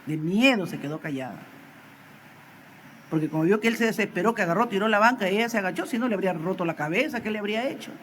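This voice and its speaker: A woman's voice: medium pitch, quick pace, slight background noise. A woman teaching a Sunday school sermon, telling stories animatedly and acting out the voices of the people in them. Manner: animated storytelling, acts out quoted voices, builds to emphatic exhortation.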